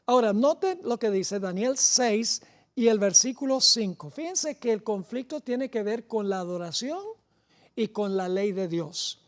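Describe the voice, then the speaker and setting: A woman preaching a sermon, with deliberate phrasing and rising emphasis on key words. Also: medium pitch, animated.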